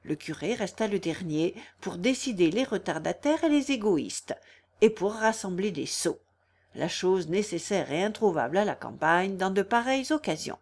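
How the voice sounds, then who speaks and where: A woman narrating a novel aloud in a steady, measured way. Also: medium pitch. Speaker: audiobook narrator. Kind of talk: scripted narration.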